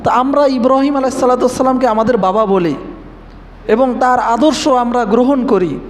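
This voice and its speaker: A man's voice: very high voice, normal speed. A man preaching an Islamic lecture, reciting Arabic verses and then explaining each one. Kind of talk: religious lecture. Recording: faint noise, long hall reverb.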